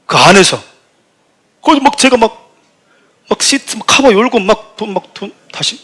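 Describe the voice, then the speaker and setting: A man's voice: high-pitched, normal speed, husky. A middle-aged man, the senior pastor of the church, preaching a sermon full of funny stories and acting out quotes with raised voice. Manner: animated storytelling, acts out shouted quotes. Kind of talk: sermon with humorous anecdotes.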